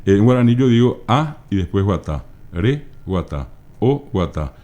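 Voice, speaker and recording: Here is a middle-aged man from Paraguay, speaking with a Paraguayan Spanish accent and a very low voice. His tone is dark and mellow, and he talks like a teacher, breaking words apart slowly and patiently. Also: very animated. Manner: patient, teacherly, spells out word forms slowly. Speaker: guest, Guaraní language scholar. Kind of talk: explanatory interview talk.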